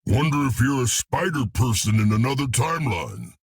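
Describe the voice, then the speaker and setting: An actor voicing the Hulk, a huge simple-minded brute who speaks slowly and bluntly about himself in the third person. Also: male voice, medium pitch, sing-song, no room sound, clean studio sound. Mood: boastful, gruff. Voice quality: gravelly, rough.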